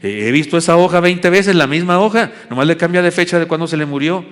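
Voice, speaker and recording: A man's voice: on the high side, quick pace, a bit bright. A man preaching a sermon as pastor, telling folksy, self-mocking stories in a church sanctuary. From Chihuahua, Mexico. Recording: long hall reverb in church.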